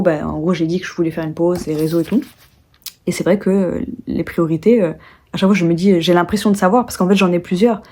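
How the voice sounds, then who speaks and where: A young woman from France talks casually to camera from her home. She rambles, fills her pauses and keeps correcting herself mid-sentence, as if working her thoughts out aloud. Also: on the low side, warm tone. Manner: rambling, many fillers and restarts, self-correcting. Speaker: vlogger.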